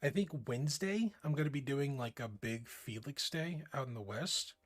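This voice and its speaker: A man's voice: mid-range voice, normal speed, no echo. A man streaming a tabletop game, chatting casually and rambling through the week's plans, with some swearing.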